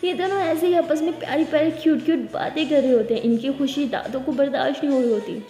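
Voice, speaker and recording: A woman's voice: high voice, fast, warm tone, soft background music. A woman telling a serialized love story for her channel in a chatty way, mixing English words into her speech. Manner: chatty, mixes English into Hindi. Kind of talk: casual story narration for video. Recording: echoey room with long reverb.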